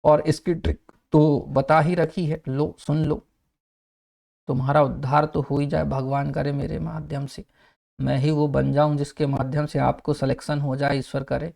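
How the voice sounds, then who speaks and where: A man's voice: fairly high pitch, little pitch movement, gravelly, darkish tone. A man teaching an online exam-prep class, coaxing his students with mnemonic tricks and frequent check-ins, sometimes rattling off facts in a raised voice. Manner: rapid fact listing in a raised voice.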